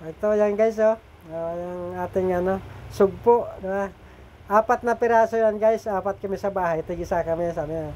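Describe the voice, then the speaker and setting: Brief: middle-aged food vlogger, mellow and slightly nasal, chatty, keeps checking in with viewers. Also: mid-range voice, fairly even intonation, moderate pace, muffled recording, slight background noise. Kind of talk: casual eating and cooking vlog.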